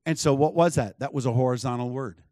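A man preaching a sermon, telling a story with lively acted-out dialogue and frequent chuckles. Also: mid-range voice, fast talker, no echo, studio quality. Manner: animated, acts out dialogue, chuckles often. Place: church.

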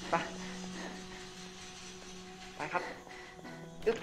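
A man's voice: very slow, over music. A man chatting casually as he plays a game, rambling and correcting himself mid-sentence. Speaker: gaming streamer. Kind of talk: casual gameplay commentary.

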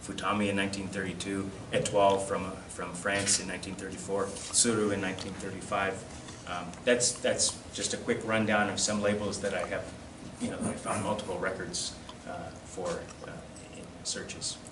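Recorded from a camera on the far side of an echoey classroom with heavy background noise, a man speaks in a lowish, level tone. He's presenting a casual slide-show talk to a collectors' society, hesitantly and with self-deprecating asides.

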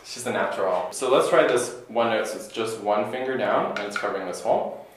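A man's voice: on the low side, a little fast. A man in his thirties giving a casual, encouraging, joking music lesson as host. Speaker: oboe teacher and host. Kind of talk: casual hands-on lesson chat. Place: small bare bedroom, indoors. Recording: echoey room, distant microphone, faint noise.

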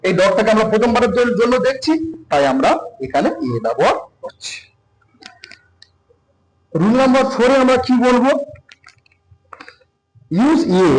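A man teaching a grammar lesson, reading English rules slowly and then explaining them with rising emphasis. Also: high voice. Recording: echoey room.

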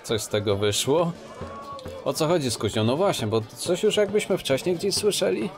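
A man in his thirties doing casual gameplay commentary. His mid-range voice moves around a lot in pitch, close to the mic with game music clearly behind. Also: lively intonation, moderate pace. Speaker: game streamer.

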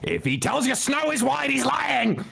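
A woman with a gravelly, wildly swinging voice banters as a stream guest. She is emphatic and exasperated in her reactions. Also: sits high, sing-song, moderate pace, a bit bright, slight background noise. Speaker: guest on a group watch stream.

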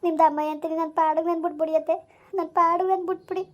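A woman's voice: very high voice, level tone, fast talker, muffled recording. A woman playing a wronged young village wife, pleading and tearful in a family drama. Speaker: daughter-in-law Sunita in a family skit.

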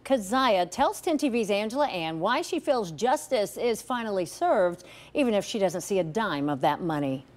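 Woman, news anchor, medium pitch, smooth, formal, studio. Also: lively intonation, normal speed, hardly any pauses. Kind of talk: newscast.

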